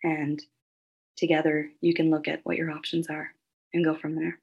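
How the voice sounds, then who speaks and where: A woman from Nova Scotia, a hypnotherapist guest on a podcast, explaining her work in a calm, earnest way. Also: sits low, normal speed, creaky, breathy edge, lo-fi sound. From Halifax, Nova Scotia, Canada. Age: adult with children. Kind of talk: podcast interview.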